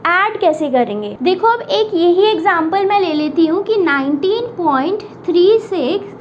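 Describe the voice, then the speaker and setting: A woman with a very high voice walks students through a maths lesson one step at a time. She keeps checking that they follow along. The sound is a little dull, with a faint hiss behind it. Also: animated, measured pace. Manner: explains step by step with frequent checks like "है ना" and "ठीक है". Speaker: maths teacher.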